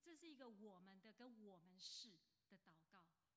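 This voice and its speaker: A woman's voice: mid-range voice, expressive, moderate pace, pushed and bright. A woman in her fifties, a pastor giving a chatty sermon that often asks the congregation questions. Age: 50s. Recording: long hall reverb.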